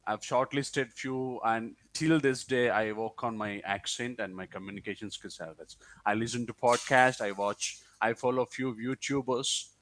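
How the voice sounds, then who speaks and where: A man's voice: mid-range voice, moderate pace, few pauses, fairly bright tone. A man who is not a native English speaker, answering interview questions in a hesitant way with restarts.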